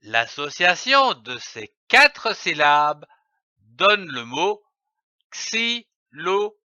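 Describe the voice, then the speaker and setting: A man teaching children to read, slowly spelling out letters and repeating each syllable with care. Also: a little high, very animated, bright, forceful tone, dry recording, highs cut off. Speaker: reading teacher. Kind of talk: slow syllable-by-syllable reading lesson.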